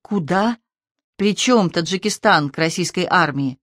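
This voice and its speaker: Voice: mid-range voice, animated, unhurried, a bit bright, no echo, clean studio sound. A reader voicing an anxious mother who pleads with her son in alarm. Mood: pleading.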